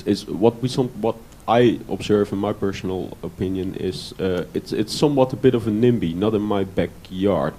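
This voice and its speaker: A man with a lowish, dark, mellow voice speaks up from the floor at a conference. He talks off the cuff, stumbling and repeating words as he builds his points. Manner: frequent repetitions and restarts. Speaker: conference participant. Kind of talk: spontaneous floor remark. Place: conference room.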